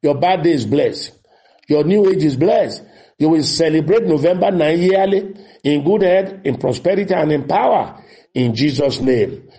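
A man leads prophetic prayer on the radio. His voice sits high but sounds warm and dark. He declares blessings in short, firm phrases and then reads out and answers listener letters. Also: lively intonation, moderate pace. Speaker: radio pastor. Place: radio studio.

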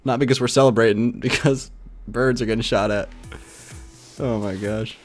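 A young man chatting casually on a gaming livestream, rambling with lots of "like" and ranting in an animated way. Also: mid-range voice, normal speed, faint music behind. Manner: rambling, heavy use of filler "like", animated ranting.

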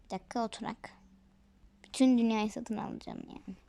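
A woman's voice: on the high side, steady tone, a little fast, vocal fry, warm tone. A woman casually commenting on her game for viewers, chatty and often dropping to a whisper. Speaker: gaming video creator.

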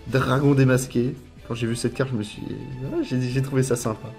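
A man's voice: medium pitch, steady tone, fairly quick, a little mellow, faint music behind. Rambling French man unboxing cards. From France. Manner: rambling, repeats words, lists card names. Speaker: YouTuber unboxing trading cards. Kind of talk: casual card-collection unboxing commentary.

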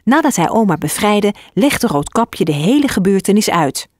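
A woman narrating a children's fairy tale in an expressive, scripted reading. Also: mid-range voice, moderate pace, dry recording, studio quality.

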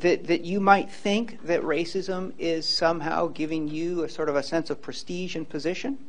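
A man in his fifties from Hawaii gives a public lecture and takes questions in a large indoor lecture hall, holding a handheld microphone. He is earnest and emphatic, often repeating words as he starts a point, and his voice is on the high side.

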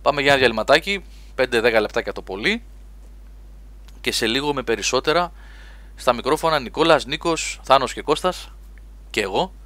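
A man hosting a live gaming webcast, chatting lively and reading listener questions aloud. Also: medium pitch, long pauses, dry recording. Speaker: podcast host.

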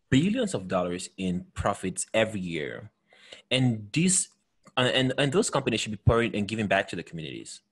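A Cameroonian man in his thirties with a slightly rough mid-range voice hosts a video call chat, speaking earnestly and emphatically. He often restarts and repeats words, using a headset and desk microphone in a home room lined with bookshelves.

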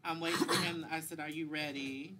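A man's voice: on the high side, steady tone, fairly quick, sharp tone, a little hiss or hum. A man hosting a casual podcast chat, laughing and teasing his co-hosts. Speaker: podcast host. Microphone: phone on speaker for guest.

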